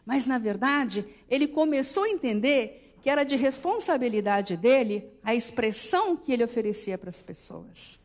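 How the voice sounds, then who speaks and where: Brief: woman lecturer, Brazilian Portuguese accent, slightly high voice, didactic with frequent tag questions. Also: animated, normal speed, hardly any pauses. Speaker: religious lecturer. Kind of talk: spiritual lecture to an audience.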